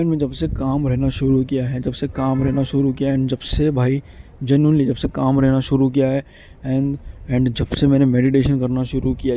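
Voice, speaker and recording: A man's voice: mid-range voice, mellow, slight background noise. A man in his twenties giving an earnest, repetitive motivational monologue to the camera, switching between Hindi and English. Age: 20s. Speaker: vlogger.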